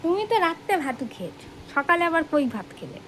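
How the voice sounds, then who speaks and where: A woman's voice: very high voice, big pitch swings, fast, low-quality recording. A woman in her thirties, a mother narrating her day in a casual home vlog, chatting to her children and her viewers in turn. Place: family home. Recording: loud background noise.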